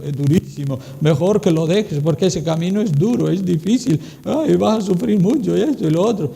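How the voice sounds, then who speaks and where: Preacher man doing the devil, sly coaxing tempter, highish voice, big echoey hall. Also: lively intonation, a little fast, vocal fry, dark tone. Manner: coaxing, discouraging. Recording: long church-hall reverb, a bit distant.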